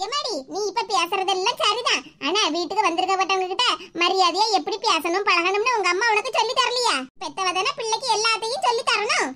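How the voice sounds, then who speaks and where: A woman's voice: very high voice, quick pace, hardly any pauses, sharp tone. A woman voicing a stern older aunt in a cartoon, lecturing in a Kanyakumari Tamil accent. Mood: reproving. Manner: scolding, lecturing. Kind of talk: animated cartoon voice acting.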